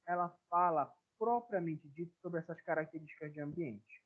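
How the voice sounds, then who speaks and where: A man teaching a class as professor, explaining in a conversational way and often checking in with the students. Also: on the high side. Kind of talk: live online lecture. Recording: tinny phone-like audio.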